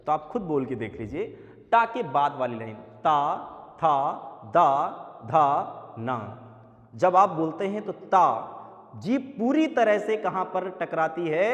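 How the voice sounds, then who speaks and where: A man's voice: high-pitched, long reverb tail. A man teaching an exam-prep grammar lesson, saying sounds aloud as examples and calling his viewers sir.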